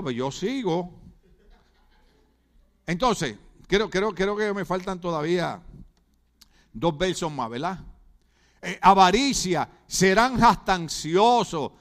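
A middle-aged pastor from Puerto Rico, his voice sitting high with a fairly bright tone, gives a sermon. He peppers the congregation with rhetorical questions and humorous side comments, speaking with a Puerto Rican Spanish accent.

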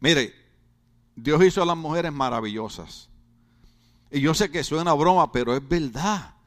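A man preaching in a chatty, joking way with lots of rhetorical questions. His voice sits high for a man and swings widely up and down. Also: lively intonation, unhurried, fairly bright tone. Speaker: pastor. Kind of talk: humorous sermon.

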